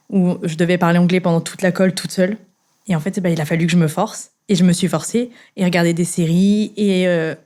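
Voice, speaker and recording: A woman's voice: lowish voice, mellow. A woman in her twenties from France, a young engineer chatting casually as a guest, with many fillers and restarts. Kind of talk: casual chat.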